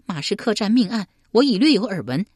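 A woman voicing a proud, quick-tempered young swordswoman who snaps back sharply in an audiobook. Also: medium pitch, very animated, husky, no room sound, studio quality, pitched above the performer's own voice. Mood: indignant. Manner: sharp, indignant retorts.

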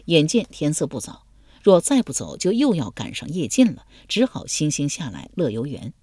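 A woman narrating a historical novel as an audiobook, in an expressive storytelling cadence. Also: sits low, normal speed, husky, no room sound, studio quality.

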